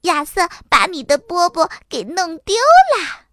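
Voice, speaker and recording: A woman's voice: very high voice, animated, a little slow, bright, forceful tone, no echo, studio quality, voice pushed up, full character voice. A woman voicing a cheeky, bossy little sister in a children's storybook reading, teasing in a sing-song way.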